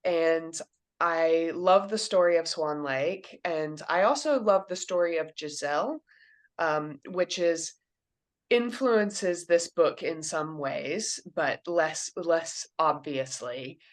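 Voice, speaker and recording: A woman's voice: low-pitched, slow. A woman in her thirties from Kentucky, a children's book author answering interview questions and explaining things simply. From Kentucky, USA.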